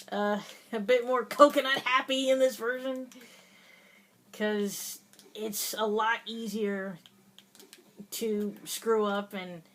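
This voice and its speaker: A woman's voice: fairly high pitch, steady tone, takes it slowly, pauses often, a bit bright, slight background noise. Giggly woman narrating her gameplay. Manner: chatty, giggly, hesitant with many fillers. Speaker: gaming video host. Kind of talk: casual gameplay commentary.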